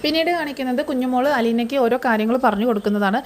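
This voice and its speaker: A woman's voice: on the high side, rapid-fire, slight background noise. A woman chattily retelling a TV serial episode, tagging each quote with colloquial asides. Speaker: serial review narrator.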